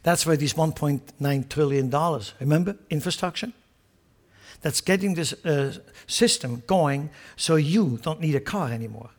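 A man from Switzerland preaching a sermon, emphatic and joking, dropping from loud stressed lines to quiet asides. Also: on the high side, moderate pace. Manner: joking, chuckles at his own remarks.

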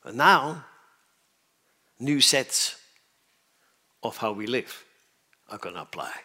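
Man, from Switzerland, preacher, sermon, bright forceful voice, emphatic, asks the audience questions. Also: medium pitch, lively intonation, slow pace, husky.

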